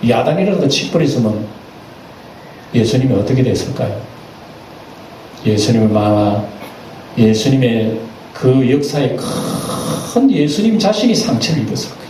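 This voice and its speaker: A male pastor preaching a sermon, animated and acting out voices as he goes. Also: medium pitch, vocal fry. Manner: animated, acts out quoted voices. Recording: echoey church hall, distant mic, faint noise.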